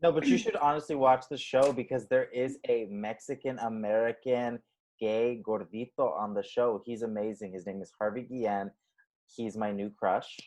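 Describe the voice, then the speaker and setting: A young adult man co-hosting a casual podcast, teasing and quick to laugh. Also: mid-range voice, fairly even intonation, darkish tone, rough recording. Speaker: podcast co-host. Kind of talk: casual chat.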